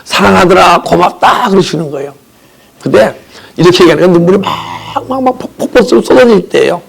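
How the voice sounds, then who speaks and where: A male pastor giving an impassioned testimony in a church sermon, with vivid sound words, swinging from soft talk to crying out. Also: high-pitched, brisk, creaky, breathy edge. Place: church sanctuary.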